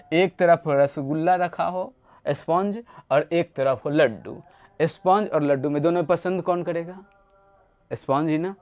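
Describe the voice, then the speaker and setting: A man's voice: high-pitched, darkish tone. Playful man teaching grammar with questions. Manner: playful, asks rhetorical questions, tells little stories. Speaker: English teacher. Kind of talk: explanatory grammar lesson.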